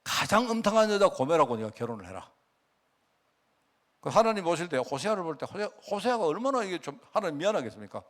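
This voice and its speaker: Middle-aged male pastor, lively sermon delivery, slightly high voice. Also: quick pace. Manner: animated, asks the congregation questions; acts out God's words in quoted speech.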